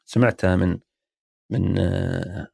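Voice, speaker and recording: The voice is deep, gravelly and dark in tone, slightly rough, with fairly even intonation and a slow pace. It belongs to a Saudi-accented man, a former marketing executive, who is a guest in a reflective, conversational interview, thoughtfully explaining ideas with everyday examples. The studio-quality recording has no room sound.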